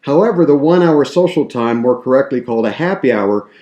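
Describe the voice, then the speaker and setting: Male speaker, measured wry anecdote, warm dark tone, echoey room. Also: mid-range voice, expressive, muffled recording. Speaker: professional speaker. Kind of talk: story told to camera. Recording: roomy echo.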